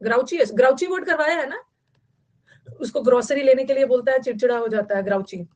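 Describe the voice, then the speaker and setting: A woman's voice: sits high, fast talker, a little mellow. A woman from Bihar, teaching vocabulary in a chatty online class and repeating key words for note-taking. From Bihar, India.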